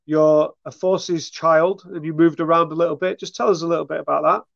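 A man with a northern English accent from around Greater Manchester hosts a casual interview. His voice sits slightly high, and the recording is a little dull and very dry, with an informal conversational feel. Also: fairly even intonation, a little fast, vocal fry, dry recording. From Rochdale, northern England. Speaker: podcast host.

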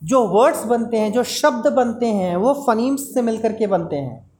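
A woman with a fairly high voice teaches a class in Hindi, slipping into terms. She explains patiently and asks rhetorical questions, repeating the key terms. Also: animated, normal speed, darkish tone. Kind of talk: classroom lecture.

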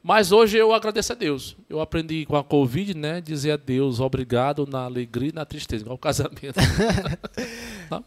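Chatty priest with a northeastern Brazilian accent. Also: male voice, a little high, animated. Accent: northeastern Brazilian (Ceará). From Ceará, northeastern Brazil. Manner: halting and repetitive, tags "né?" often, restarts. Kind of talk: casual podcast interview storytelling.

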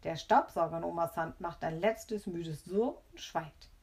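A woman reading a children's story aloud in a lively, expressive way. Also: on the low side, measured pace.

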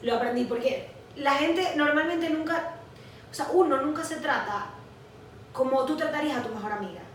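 Una mujer de unos veinte años con acento venezolano, copresentadora de un pódcast, que cuenta sus vivencias con franqueza y anima sus relatos imitando voces. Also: female voice, high voice, moderate pace, very echoey, recorded from a distance, a little hiss or hum. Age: 20s. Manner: candid, animated storytelling with acted quotes. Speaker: podcast co-host. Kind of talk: casual chat.

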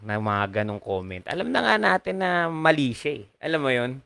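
A man's voice: medium pitch, sing-song, fairly quick, vocal fry, pushed and bright, dry recording. A man co-hosting a casual podcast, giving his opinions in a reflective way and often asking for agreement. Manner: opinionated, reflective, asks for agreement with tag questions. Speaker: podcast co-host. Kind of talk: casual chat.

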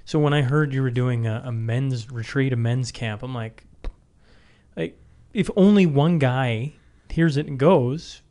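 Man hosting a casual podcast, mid-pitched. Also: dark tone. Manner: halting, repeats words as he thinks aloud. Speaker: podcast host. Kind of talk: casual interview chat.

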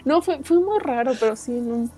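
Chatty woman with a dark voice. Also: high voice, expressive, moderate pace, faint music behind, rough recording. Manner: rambling, many fillers like "o sea". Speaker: podcast co-host. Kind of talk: casual chat, telling a dream.

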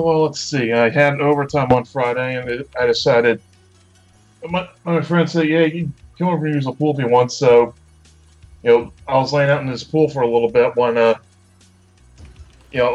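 A man's voice: medium pitch, fairly even intonation, normal speed, muffled recording, soft background music. A man co-hosting a casual chat on a headset, his voice hollow and tunnel-like, like a speakerphone. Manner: laid-back, rambling storytelling. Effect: hollow, tunnel-like sound like a speakerphone.

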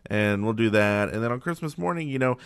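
Dad cohosting a podcast, jokey rambly guy, dry sound, middle pitch. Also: lively intonation, fairly quick, clean tone, dry recording. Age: adult father of young kids. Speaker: podcast co-host. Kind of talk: casual chat.

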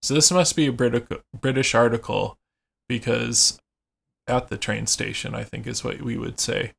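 A man's voice: medium pitch, steady tone, normal speed, gravelly, breathy edge. A man hosting a podcast in casual chat, reading out phrases and explaining them with lots of fillers. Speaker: podcast host.

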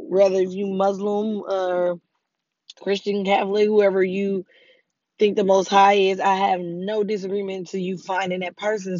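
A woman's voice: mid-range voice, darkish tone, no room sound. Woman, casual vlog, frank and profane, voice still recovering, dry dull recording. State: recovering from voice loss. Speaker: vlogger.

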